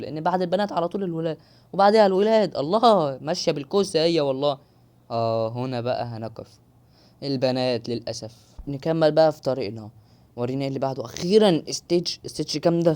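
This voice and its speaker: Joking and exclaiming to his audience, a young Egyptian-accented gaming YouTuber narrates his gameplay live. He speaks in a somewhat high, slightly mellow voice.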